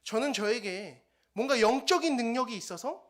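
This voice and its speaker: A young man, a junior pastor, preaching a dawn service sermon in a church and telling his own story with lively acted-out dialogue. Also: very high-pitched, normal speed. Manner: animated storytelling, acting out quoted dialogue. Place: church sanctuary.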